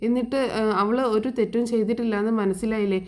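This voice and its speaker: A woman's voice: a little high, fairly even intonation, fast talker, close to an everyday voice. A woman reading as a kind, scolding grandmother. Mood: reproachful. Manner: gently reproachful.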